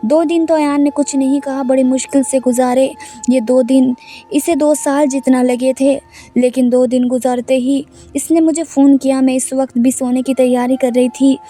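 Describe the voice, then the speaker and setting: Woman telling her own story, high voice, very dark tone, flat delivery, soft music under. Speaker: story narrator. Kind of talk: first-person story narration. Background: soft background music.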